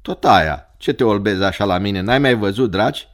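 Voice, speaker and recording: A man voicing a hoarse, chatty male devil who works as a weary clerk, grumbling and belching in folksy talk. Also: lowish voice, lightly acted. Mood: gruff banter. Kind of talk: audiobook character voice.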